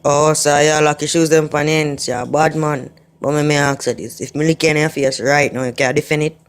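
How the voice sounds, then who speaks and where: A man's voice: a little high, steady tone, moderate pace, smooth, close to an everyday voice. A man voicing a brash, taunting cartoon bad man in Jamaican Patois, confrontational and full of slang. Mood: menacing. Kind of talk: comedic cartoon voice-over dub.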